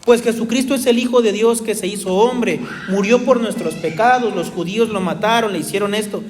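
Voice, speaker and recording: A man voicing a humble, weary male apostle who answers calmly and firmly, told plainly within a sermon. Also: high voice, fairly quick, close to an everyday voice. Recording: echoey hall reverb.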